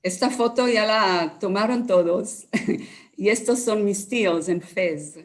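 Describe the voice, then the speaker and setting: A woman with a Moroccan Judeo-Spanish Haketia accent, explaining carefully with many pauses as an interview guest. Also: mid-range voice. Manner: measured, with many hesitations and lively quoted voices.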